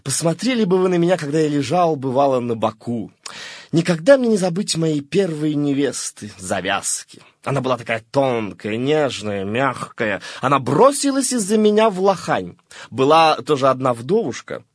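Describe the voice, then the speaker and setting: A vain storybook shirt collar who brags about his brides, voiced by a man. He speaks slowly and flatters everyone, swinging his husky voice up and down. The voice sits close and dry. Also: a little high, no room sound. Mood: bragging. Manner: slow, flattering, bragging. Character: boastful vain male shirt collar, a dandy.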